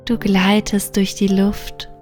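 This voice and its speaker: A woman narrating a bedtime sleep story and guided relaxation in a gentle, soothing, partly near-whispered voice. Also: medium pitch, completely flat delivery, takes it slowly, soft background music.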